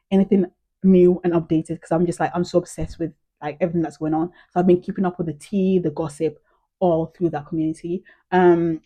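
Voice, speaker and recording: A young British woman vlogs in casual chat, gushing and peppering her talk with "like" and "um". Her voice sits a little low, with a warm, mellow tone. She talks straight to camera. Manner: chatty, gushing, heavy use of "like" and "um". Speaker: vlogger.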